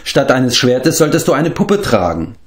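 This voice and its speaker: A man's voice: medium pitch, big pitch swings, normal speed, pitched above the performer's own voice, natural voice. A man reading aloud and voicing a touchy young pig-keeper who grumbles and teases. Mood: grumbling. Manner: grumbling, sulky. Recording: roomy echo.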